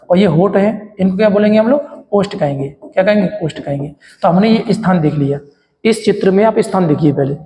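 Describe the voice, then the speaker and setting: A man's voice: high-pitched, dark tone, big-room sound. A man teaching a Hindi exam-prep lesson from a diagram, repeating each term as a question and answer to his students. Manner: addresses viewers as friends, explains with a diagram.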